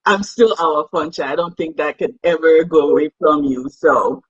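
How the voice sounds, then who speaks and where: The lo-fi recording captures a young woman from Cameroon with a low, breathy-edged voice at a moderate pace. A casual interview guest, she chats in a self-deprecating way and laughs easily, and she is a young adult.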